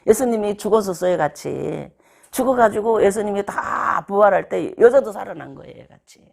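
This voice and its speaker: Preacher doing a sermon, gravelly voice, tells it like a story and does little voices for the quotes. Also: mid-range voice, expressive, moderate pace, darkish tone.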